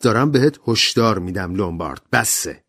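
A man voicing a gruff, touchy former police inspector who talks in a curt, defensive way. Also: fairly low pitch, sing-song, warm tone, dry recording, clean studio sound.

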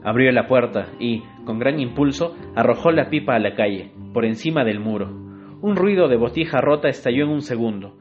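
A man's voice: medium pitch, animated, fairly quick. Man reading a short story over guitar. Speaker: narrator. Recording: dull lo-fi recording. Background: faint guitar music.

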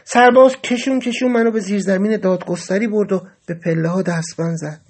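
A man's voice: sits high, fairly even intonation, slightly rough. A man narrating a first-person dramatic story in a vivid, emotional telling. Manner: dramatic, rising to agitated outbursts in quoted speech.

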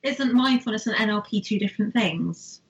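A woman's voice: mid-range voice, a little fast, dull audio. A woman hosting an interview, asking brief, curious questions. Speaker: host.

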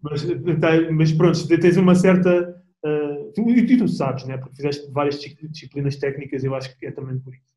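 A young man with a European Portuguese accent, chatting as an interview guest in a relaxed, slangy way with plenty of restarts. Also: fairly high pitch, brisk, few pauses, echoey room, lo-fi sound. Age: young adult. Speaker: guest athlete. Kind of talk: casual interview chat.

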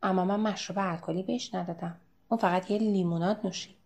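A woman's voice: mid-range voice, steady tone, darkish tone, close to an everyday voice. A woman reading as a wary young barmaid.

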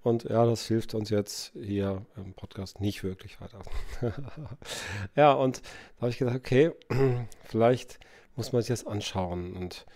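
Musing man with a low, mellow voice. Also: unhurried. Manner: musing, many fillers and hesitations. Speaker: podcast host. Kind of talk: reflective solo podcast talk.

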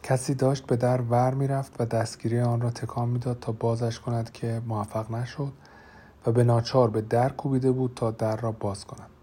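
A man narrating an audiobook in a measured, dramatic storytelling manner. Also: mid-range voice, level tone, warm tone, husky.

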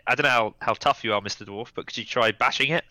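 A man's voice: mid-range voice, fast talker, pushed and bright, no room sound, rough recording. A man, playing in a tabletop game, chatty and thinking aloud as he plans. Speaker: player. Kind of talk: casual tabletop game chat.

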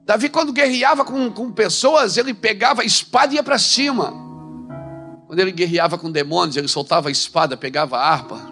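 Male preacher, high-pitched, emphatic, soft-to-shouting sermon delivery over faint music. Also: brisk. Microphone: handheld microphone.

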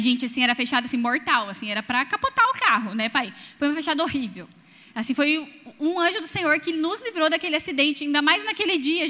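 Young Brazilian woman preacher, high and bright, animated storyteller, church hall reverb. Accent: Brazilian Portuguese. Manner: animated storytelling, addresses the congregation directly. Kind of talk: sermon with personal stories.

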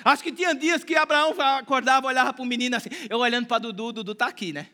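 A male pastor with a Brazilian Portuguese accent preaching a lively sermon, acting out quotes and building to shouts. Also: very high-pitched, fast talker. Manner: animated, acts out quotes in other voices; rises to shouting at climaxes.

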